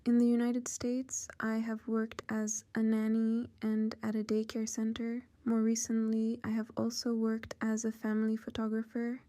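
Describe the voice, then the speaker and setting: A Ukrainian-accented woman in her fifties, answering interview questions about her life in measured, careful sentences. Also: a little high, monotone, warm tone, clear, resonant tone. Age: 50s. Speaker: interview guest. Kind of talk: oral history interview.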